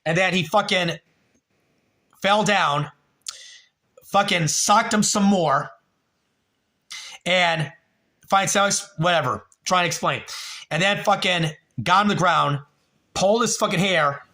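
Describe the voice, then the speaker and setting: A man's voice: sits high, slow pace, pauses often, sharp tone. A man in his late thirties hosting a livestream, telling a rambling, profane story and talking to chat viewers by name. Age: 30s. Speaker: livestream host.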